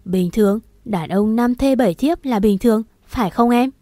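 A woman's voice: fairly high pitch, normal speed, warm tone, no echo, close to an everyday voice. A woman voicing a callous, philandering husband who answers in a curt, dismissive way.

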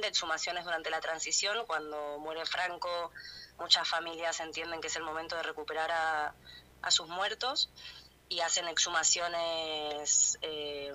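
A woman's voice: sits low, pushed and bright. A Madrid-born woman anthropologist with a Rioplatense accent, answering interview questions hesitantly with many restarts. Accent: Rioplatense Spanish. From Spain. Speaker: anthropologist guest. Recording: radio interview over phone line.

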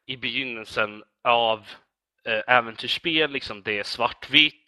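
A man's voice: medium pitch, sharp tone, no room sound. A man in casual chat as a podcast guest, rambling with many fillers and restarts.

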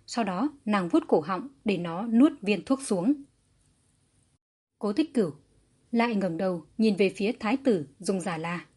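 Woman audiobook narrator, husky, even delivery. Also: medium pitch, measured pace. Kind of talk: audiobook narration of a historical fantasy novel.

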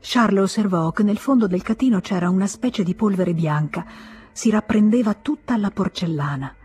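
A woman narrating a literary audiobook in a measured, slow, dramatic reading. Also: medium pitch, a little mellow, husky, faint music behind. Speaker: audiobook reader.

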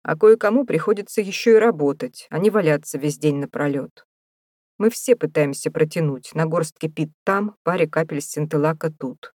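A woman voicing a gruff, mocking male prison warder who bosses prisoners about in an audiobook. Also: low voice, moderate pace, darkish tone, no echo, studio quality. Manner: rough, taunting, bossy.

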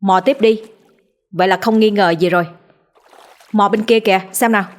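A woman's voice: mid-range voice, fairly even intonation, moderate pace, natural voice. A woman voicing a young village man who barks orders in a commanding tone.

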